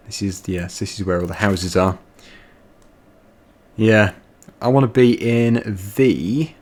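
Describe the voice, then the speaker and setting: A man giving chatty, rambling commentary while playing a video game. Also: lowish voice. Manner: chatty, rambling, laughs easily. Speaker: let's play gamer. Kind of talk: casual gameplay commentary.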